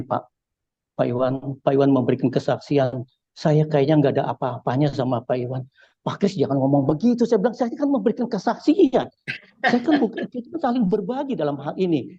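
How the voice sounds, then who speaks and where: Giving a casual church testimony, an Indonesian man with a Jakarta accent performs the dialogue like an animated storyteller. His mid-range voice comes through lo-fi audio without any room sound.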